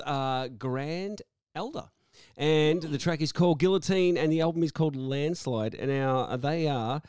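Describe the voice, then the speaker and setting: A man's voice: on the high side, clean tone, dry recording, studio quality. A man hosting a radio show, chatting casually and joking with his co-hosts. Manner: chatty, joking, laughs often. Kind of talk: casual on-air chat. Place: radio studio.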